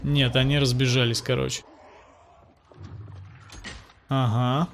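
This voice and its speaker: A man's voice: mid-range voice, little pitch movement, takes it slowly, slight background noise. A young man giving casual, slangy Let's Play commentary on a mobile fighting game. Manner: slangy, informal, narrating and paraphrasing the cutscenes. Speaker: gameplay commentator.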